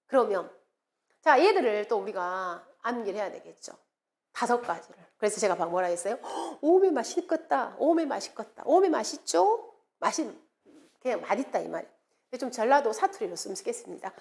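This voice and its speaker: 암기법을 리듬감 있게 외우고 수시로 질문을 던지며 강의하는 중년 여성 강사. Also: female voice, medium pitch, fairly quick. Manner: lively, sing-song mnemonic chanting, rhetorical questions. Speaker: exam prep lecturer. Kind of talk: classroom lecture with mnemonics.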